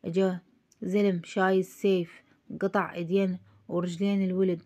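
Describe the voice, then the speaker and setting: A man's voice: high-pitched, flat delivery, normal speed, a little mellow, close to an everyday voice. A woman voicing a playful Iraqi man who spins tall tales, speaking in Iraqi Arabic.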